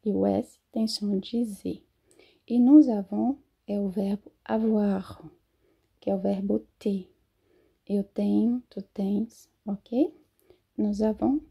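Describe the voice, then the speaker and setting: A Portuguese-speaking woman teaching French pronunciation, saying each word slowly and then translating it. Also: mid-range voice, vocal fry, mellow, husky. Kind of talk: slow phonetics lesson. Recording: dull lo-fi sound.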